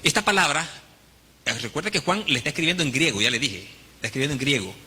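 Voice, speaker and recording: A Honduran man preaching a teaching sermon, his voice bright and sharp with a husky edge. He speaks with lively, rising and falling pitch and acts out the quoted voices. A long hall reverb trails behind him. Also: quick pace. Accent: Honduran Spanish. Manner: teaching, addresses congregation as brothers, dramatic quoted voices. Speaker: pastor.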